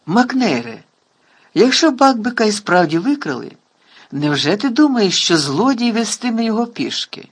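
A man with a husky voice voicing a calm, wry old wizard headmaster in a storybook reading. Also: fairly high pitch, normal speed, exaggerated voice. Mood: amused. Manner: calm, amused.

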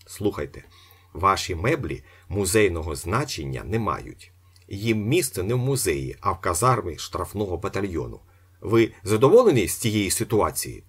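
A man's voice: low-pitched, big pitch swings, normal speed, slightly rough, exaggerated voice. Ostap, a man reading as a brash, boastful swindler. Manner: brash, commanding, theatrical. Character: boastful cunning young male swindler. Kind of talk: audiobook character voice.

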